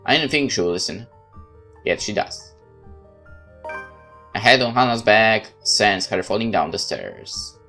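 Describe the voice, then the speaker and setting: Reading a horror visual novel aloud in the first person, this let's-play narrator sounds measured and theatrical. His pitch is fairly low and his tone expressive, bright, and forceful, over faint background music.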